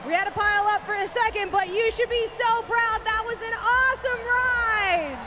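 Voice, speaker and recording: A woman's voice: very high voice, moderate pace, a loud crowd. A woman co-announcing a live children's rodeo event in a gushing, encouraging way. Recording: music behind live announcing.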